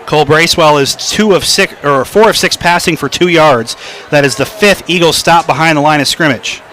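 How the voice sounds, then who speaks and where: A man calling high school football play-by-play on radio, his voice rising to a shout for an excited touchdown call. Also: moderate pace, slight background noise. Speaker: play-by-play announcer. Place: stadium broadcast booth. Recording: crowd behind, outdoor game ambience.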